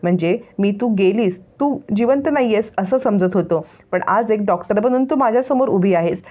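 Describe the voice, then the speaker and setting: A woman's voice: mid-range voice, moderate pace, lightly acted. A woman voicing a proud, hurt young man who speaks curtly and with resentment. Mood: resentful. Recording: tinny phone-like sound.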